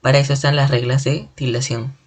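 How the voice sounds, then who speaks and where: A teacher giving a spoken grammar lesson in a clear, deliberate way, slowly stretching out example words syllable by syllable. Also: medium pitch, flat delivery. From Peru.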